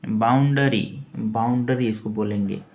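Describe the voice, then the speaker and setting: A man teaching English pronunciation, spelling each word letter by letter and repeating it slowly. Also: lowish voice, narrow, tinny audio, slight background noise. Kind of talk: slow pronunciation lesson.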